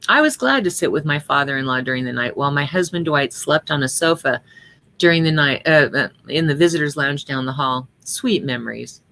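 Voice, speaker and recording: A middle-aged woman with a low, deep-set voice reads a heartfelt personal story aloud at a memorial gathering. She tells it earnestly, lightly acting out the other people's lines as she goes. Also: expressive, fairly quick, a bit bright. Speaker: reader at a memorial service. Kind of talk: reading a personal story aloud, then reflecting.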